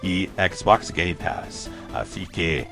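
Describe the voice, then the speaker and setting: A man voicing a weary American games executive giving a scripted greeting in halting, formal Spanish with a gringo accent. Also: low voice, animated, gravelly, heavily acted. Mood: pleading. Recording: music behind the voice. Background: music.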